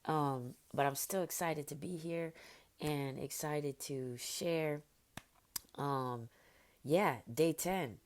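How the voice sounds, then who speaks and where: A woman hosting a motivational podcast, hoarse and raspy as she is losing her voice from illness, upbeat and encouraging with many fillers. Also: deep voice, takes it slowly, a little mellow, a little hiss or hum. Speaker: podcast host.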